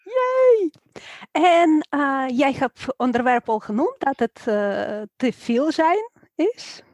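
A woman's voice: sits high, expressive, slow, a little mellow, dry recording. Upbeat Ukrainian-accented woman host. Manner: cheerful, upbeat questions. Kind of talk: interviewing a guest.

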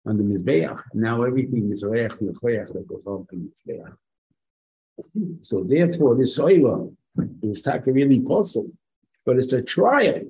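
Gravelly man teaching Torah. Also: mid-range voice, expressive, normal speed, warm tone, muffled recording. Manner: rhetorical questions and short emphatic repetitions. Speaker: rabbi giving a Torah lesson. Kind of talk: informal religious lecture.

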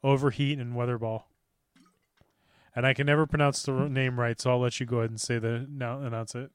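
Male co-host, casual gaming talk, upbeat, smooth tone, dry close mic. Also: mid-range voice, level tone, brisk, no echo. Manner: upbeat, explains game strategy, laughs often. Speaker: podcast co-host.

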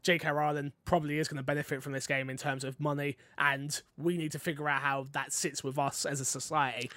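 A man's voice: a little high, level tone, brisk, bright, forceful tone, dry recording. A man hosting a podcast, talking casually through gaming news and opinions. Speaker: podcast host.

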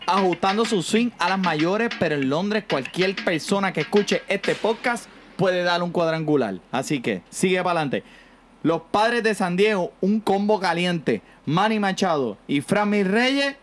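A man hosting a casual sports podcast from home, energetic and teasing as he rattles off stats. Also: high-pitched, measured pace, slight background noise. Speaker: podcast host. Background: music bed.

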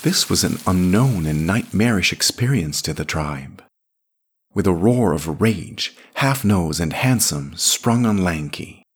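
Deep-voiced man reading a story slowly. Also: slightly rough. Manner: measured, expressive reading. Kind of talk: scripted story narration.

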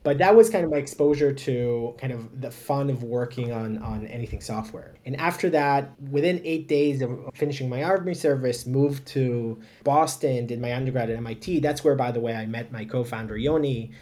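A man's voice: mid-range voice, moderate pace, few pauses, mellow. Upbeat man talking casually. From Israel. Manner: upbeat, chatty, self-deprecating, frequent fillers. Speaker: startup founder and guest. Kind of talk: casual interview answers.

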